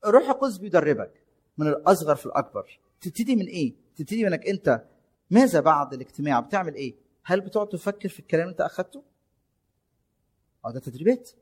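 Fast-talking husky Egyptian preacher. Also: male voice, a little high, sing-song. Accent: Egyptian Arabic. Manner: exhorting, rhetorical questions, varied emphasis. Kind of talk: sermon.

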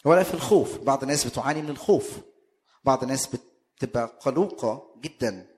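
A man preaching a sermon with an Egyptian accent, emphatic and full of rhetorical questions, his voice swelling into loud bursts. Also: mid-range voice, animated, fast talker. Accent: Egyptian Arabic.

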